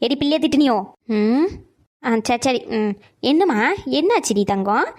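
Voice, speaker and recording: A woman voicing a bossy, sharp-tongued old grandmother who scolds fast and dotes on her grandson. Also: high voice, expressive. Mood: cooing. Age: older. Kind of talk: cartoon voice acting.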